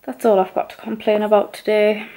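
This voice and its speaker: A woman's voice: medium pitch, level tone, brisk, dry recording, low-quality recording. A young woman from England chatting casually to her camera for her vlog, upbeat and talkative, filmed in her car and at home. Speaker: vlogger. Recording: loud background noise.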